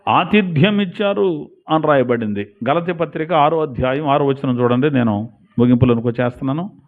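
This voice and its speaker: A man preaching a sermon, telling stories and acting out short dialogues as he goes. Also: moderate pace. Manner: lively storytelling preacher, acts out little dialogues with shifting pitch. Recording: tinny phone-like sound.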